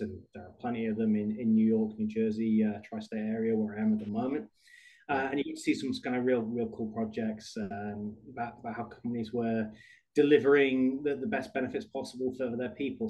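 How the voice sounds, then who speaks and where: A British man, a podcast guest, talking through his career in a relaxed, rambling conversational way. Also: lowish voice, lo-fi sound. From United Kingdom. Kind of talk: conversational interview.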